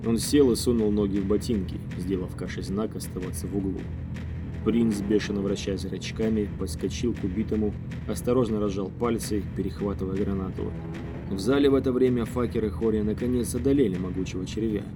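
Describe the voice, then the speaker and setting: A man narrating an audiobook in a steady, measured reading. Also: lowish voice. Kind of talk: scripted narration. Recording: faint music underneath.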